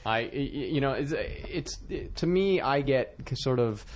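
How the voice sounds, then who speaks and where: A man's voice: mid-range voice, expressive, measured pace, a little hiss or hum. A man co-hosting a casual movie chat, stammering and agreeing emphatically. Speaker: podcast co-host.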